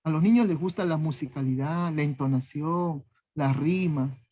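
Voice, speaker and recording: Teacher lecturing with a "¿no?" after each phrase. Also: male voice, fairly high pitch, normal speed, dark tone. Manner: tags nearly every phrase with a questioning "¿no?"; lists traits one word at a time. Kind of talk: classroom lecture.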